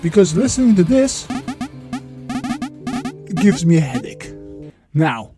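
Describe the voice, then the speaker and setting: A man talking through a voice changer that disguises his voice, narrating a game-development video in a blunt, sweary way that gets loose and halting when he goes off script. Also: a little high, very animated, music in the background. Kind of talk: devlog voiceover.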